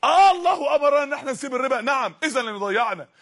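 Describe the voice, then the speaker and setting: A man's voice: extremely high pitch, expressive, rapid-fire, a bit bright. A man with an Egyptian Arabic accent giving an impassioned Islamic sermon, repeatedly exhorting his listeners. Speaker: preacher.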